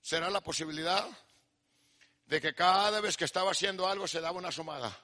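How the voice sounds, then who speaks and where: A man preaching a fervent sermon, swinging from hushed storytelling to shouted exhortation and mixing in English asides. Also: high voice, fast. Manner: mixes Spanish with English asides. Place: church service.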